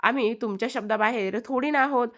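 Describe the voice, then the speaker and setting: A woman's voice: on the high side, fairly quick, a bit bright, natural voice. A woman voicing an old-fashioned male village tutor who speaks in a matter-of-fact, deferential way.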